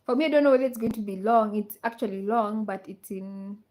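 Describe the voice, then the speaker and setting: A woman's voice: mid-range voice, brisk, darkish tone. A woman from Kenya hosting a casual livestream, reading out viewer comments and repeating her questions to the audience. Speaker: livestream host. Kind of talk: casual live chat with viewers.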